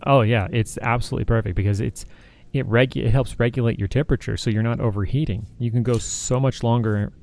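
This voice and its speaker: A mentally exhausted man co-hosting a livestream chat, talking in halting starts and restarts. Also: mid-range voice, steady tone, vocal fry, darkish tone, faint music behind. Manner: halting, restarts often, tired. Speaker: streamer and co-host.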